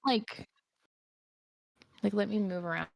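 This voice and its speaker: A woman's voice: mid-range voice, takes it slowly, vocal fry, no echo, studio quality. A young woman co-hosting a casual streamed podcast, reading history aloud and often breaking into giggles. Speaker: podcast co-host, history storyteller.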